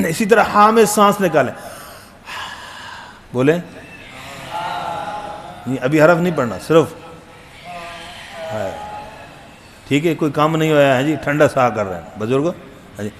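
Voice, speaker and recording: A man teaching a Quran recitation lesson, quizzing the students and calling out letter sounds loud and long. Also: a little high, lively intonation, pauses often, slight background noise. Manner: drills letters aloud, loud and drawn out; asks students questions, jokes. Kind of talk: classroom tajweed lesson.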